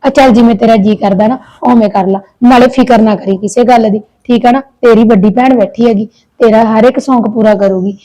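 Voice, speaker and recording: A caring but anxious elder sister-in-law talks on earnestly, pleading and complaining in long runs, played by a woman. Her voice is fairly high and mellow. It is plain village short-film acting. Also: fairly even intonation, fairly quick, close to an everyday voice, poor audio. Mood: worried, caring. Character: elder daughter-in-law, childless, kind and anxious.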